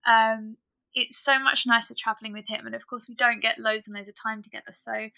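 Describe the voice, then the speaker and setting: A woman's voice: fairly high pitch, steady tone, a little fast, gravelly, pushed and bright. A British woman in her twenties chatting casually and self-deprecatingly as a podcast co-host. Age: 20s. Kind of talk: casual chat.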